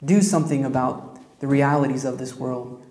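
A man's voice: mid-range voice, fairly even intonation, moderate pace, darkish tone. A man preaching a sermon as pastor, telling stories in a conversational way and speaking straight to his congregation. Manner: storytelling, conversational, addresses congregation directly. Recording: roomy echo.

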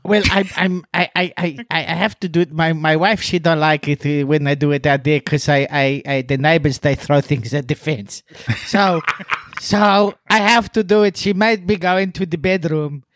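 A boisterous man hosting a casual podcast, speaking loudly in slightly broken English on a handheld mic so close to his mouth that it clips and distorts. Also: fairly high pitch, steady tone, normal speed, no room sound. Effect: clipping, distorted mic from speaking too close and loud. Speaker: podcast host. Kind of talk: rowdy casual podcast banter. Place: bedroom at home, walls padded with pillows. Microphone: handheld mic held right at the mouth.

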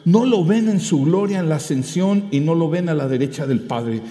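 Warm-voiced pastor preaching in a hall. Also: male voice, on the high side, moderate pace. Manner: animated, rising to emphatic peaks. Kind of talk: preaching a sermon. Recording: roomy hall with long reverb.

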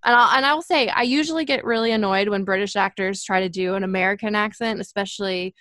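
A woman's voice: medium pitch, fast, a bit bright, no echo. A woman with a mid-range voice co-hosts a movie podcast. She sounds bubbly and upbeat. The recording is dry and close. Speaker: podcast co-host. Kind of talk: casual movie review chat.

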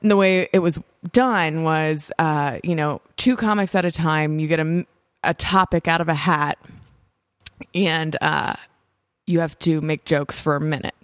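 A woman's voice: sits low, steady tone, measured pace, no echo, clean studio sound. A hungover woman chatting casually as a podcast co-host, telling stories in a candid way. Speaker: podcast co-host and amateur comic. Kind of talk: casual chat.

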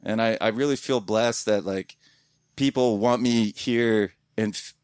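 A man's voice: fairly low pitch, a little slow, a little mellow, clear, resonant tone, dry recording, clean studio sound. A man who podcasts, talking to his community in a casual, heartfelt ramble, with frequent restarts and casual swearing. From Columbus, Ohio area. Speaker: podcaster speaking as a guest.

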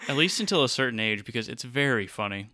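A young man co-hosts a podcast in an easygoing conversational tone. His voice is bright and clear at a middle pitch, and he delivers deadpan asides. He also recaps stories plainly. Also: quick pace. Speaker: podcast co-host. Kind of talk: casual chat.

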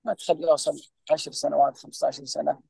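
A man's voice: on the high side, flat delivery, quick pace, gravelly, mellow, slightly rough, dry recording, low-quality recording. A man with a Saudi Gulf accent, a mental health specialist speaking as a guest on a podcast interview. He gives impassioned advice in an emphatic, preachy way and often speaks straight to the listener. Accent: Saudi Gulf Arabic.

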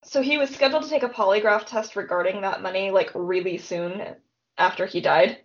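A woman's voice: mid-range voice, a little fast, dull audio. A woman co-hosting a casual true-crime podcast, retelling the case in a chatty way with lots of fillers. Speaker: podcast co-host.

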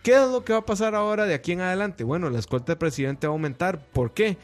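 A man's voice: sits high, fast talker. Costa Rican male podcast host, blunt, emphatic delivery over faint music. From Costa Rica. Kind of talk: casual panel chat.

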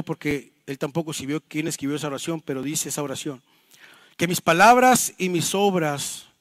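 Male pastor, earnest sermon, high voice, dry close sound. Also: no echo. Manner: earnest, repeats words and restarts, addresses listeners as brother. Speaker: preacher.

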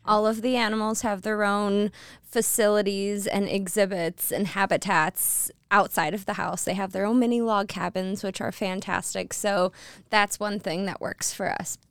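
A woman's voice: mid-range voice, steady tone, moderate pace, smooth, no room sound. A woman from Michigan with an American accent, chatting casually as a podcast guest. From Michigan, United States. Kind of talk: casual chat.

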